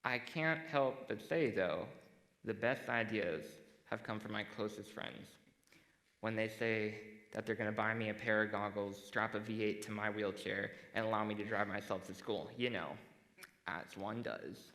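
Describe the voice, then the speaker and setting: A teenage boy giving a prepared stage talk to a school audience, measured and dry, with a self-deprecating sense of humor. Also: lowish voice, fairly bright tone, low-quality recording. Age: teens. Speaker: student speaker.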